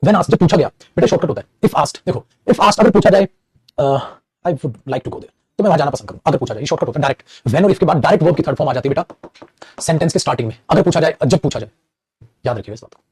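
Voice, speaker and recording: Male grammar teacher, mellow slightly high voice, dry close sound. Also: expressive, slightly rough, no room sound. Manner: calls students "beta", reads sentences slowly. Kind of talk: exam error-spotting lesson.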